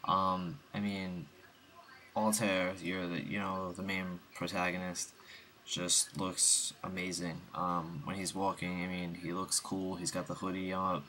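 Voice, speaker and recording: A man's voice: sits low, flat delivery, a little slow, sharp tone, slight background noise. A young man with the hiccups giving a rambling, casual game review voice-over, full of ums and restarts.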